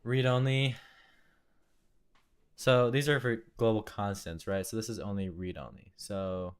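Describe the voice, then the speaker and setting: Young male programmer, low-ish voice, self-questioning think-aloud at a desk mic, typing underneath. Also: fairly even intonation, clean tone. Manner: musing, self-questioning, halting. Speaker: programmer live-coding a compiler. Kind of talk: thinking aloud while coding. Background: keyboard typing and clicking.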